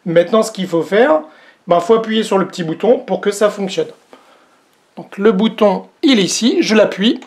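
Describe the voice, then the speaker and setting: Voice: mid-range voice, normal speed, darkish tone. Chatty hesitant unboxing vlogger. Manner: chatty, addresses viewers directly, many hesitant fillers; self-mocking about own English accent. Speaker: host reviewing a product. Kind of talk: casual unboxing demo.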